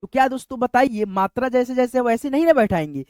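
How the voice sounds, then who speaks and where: A man's voice: very high-pitched, lively intonation, fast talker, darkish tone, dry recording. A man teaching a step-by-step lesson, repeating "friends" often as he talks the class through each point. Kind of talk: explanatory lesson.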